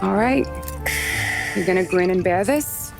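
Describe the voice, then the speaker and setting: An actress with a mid-range voice and vocal fry speaks unhurriedly as a tough, sardonic young woman, blunt, wry, and bossy as she orders people around. Game score music plays behind her.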